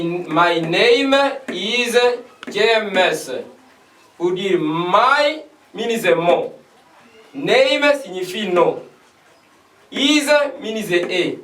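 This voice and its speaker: Male teacher from DR Congo, beginner English class, high-pitched, roomy distant recording. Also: a little hiss or hum. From Democratic Republic of the Congo. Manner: slow, repetitive, spelling out each word. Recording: echoey room, voice from a distance.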